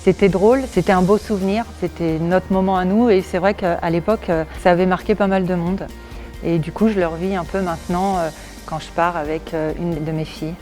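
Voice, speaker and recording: Earnest woman in her forties, warm low voice. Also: fairly even intonation, brisk, soft background music. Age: 40s. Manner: plain, earnest, hesitant fillers. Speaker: volunteer firefighter and nursing assistant. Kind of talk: interview testimony.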